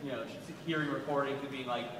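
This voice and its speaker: A man's voice: mid-range voice, fairly even intonation, quick pace, background noise. A man in the audience asking a panel a question, hesitant with many fillers. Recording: echoey hall from far off, crowd.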